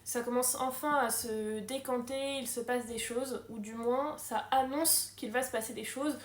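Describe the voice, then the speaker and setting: A woman's voice: on the high side, steady tone, unhurried, echoey room. A young woman chatting casually about her reading plans in a book vlog, self-mocking and full of fillers. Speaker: book vlogger.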